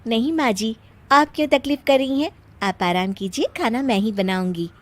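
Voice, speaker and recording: A woman's voice: a little high, moderate pace, lightly acted. A woman doing a giggly young bride in a cartoon. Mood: polite. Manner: laughs through her words. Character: giggly young daughter-in-law who cannot stop laughing. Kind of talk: cartoon voice acting.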